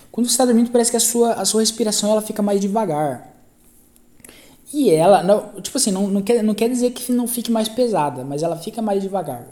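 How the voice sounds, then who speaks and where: A man with a Brazilian Portuguese accent talks through a story on his own podcast, loose and slangy. He circles back, corrects himself and repeats phrases as he goes. His voice has a soft, mellow tone. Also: high voice. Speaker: podcast host. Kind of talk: casual podcast storytelling monologue.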